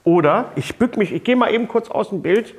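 A middle-aged man hosts a talk show in a high, expressive voice with a breathy edge and a fairly quick pace, keeping things casual, jokey and enthusiastic. He sits at a table on a small studio set, recorded through a lapel mic.

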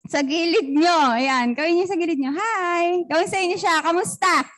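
A woman with a Filipino accent leading a youth fellowship warm-up, playful, coaxing the crowd and calling out cheers. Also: very high voice, brisk.

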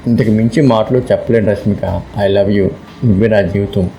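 Man narrating devoted young lover, low voice, dark mellow tone, storybook reading. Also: steady tone, normal speed, a little hiss or hum, natural voice. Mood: tender.

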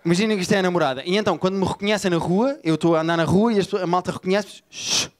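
A man from Portugal with a Lisbon accent, performing an animated, profane stand-up set and riffing with the crowd. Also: high-pitched, racing. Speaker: stand-up comedian. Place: comedy bar before a live audience. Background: audience laughter.

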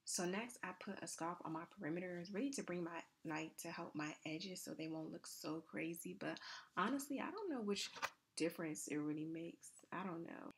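A young woman chatting casually in a soft, low, near-whispered voiceover for a hair tutorial, with plenty of fillers. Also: moderate pace, slight background noise. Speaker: hair vlogger. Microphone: voiceover mic.

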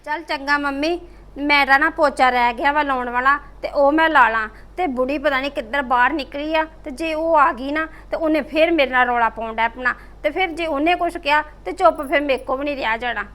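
A young woman acts as a daughter-in-law who keeps grumbling. Her voice is high and bright, and her complaints come out sharp. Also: fairly quick. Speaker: married daughter-in-law character. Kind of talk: short film acting.

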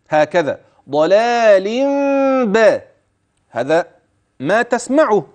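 A man with an Egyptian accent teaching tajweed, slowly drawing out words to demonstrate pronunciation between explanations and asking the listener questions. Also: high-pitched, darkish tone. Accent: Egyptian Arabic. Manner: asks the listener questions and answers himself. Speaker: Quran recitation teacher. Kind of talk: tajweed lesson on a religious TV channel.

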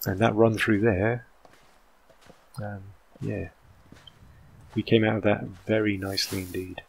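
A man's voice: on the low side, flat delivery, a little slow, gravelly, breathy edge. A man in his thirties from England, whose British accent carries an American tinge, gives casual let's-play commentary, chatty and rambling with many "um"s. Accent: British English mixed with American. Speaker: gaming channel host.

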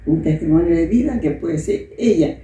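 An older woman, telling a personal story as an interviewee in a halting, soft-spoken way. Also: sits low, lively intonation. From Peru. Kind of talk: emotional personal testimony. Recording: roomy, distant mic, faint noise.

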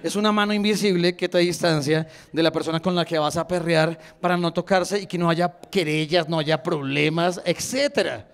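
A man in his thirties with a Bogotá Colombian accent doing an animated stand-up routine in a comedy bar, jumping into high voices for characters. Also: moderate pace, vocal fry, hardly any pauses. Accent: Bogotá Colombian Spanish. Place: comedy bar stage with live audience. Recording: live crowd laughter behind.

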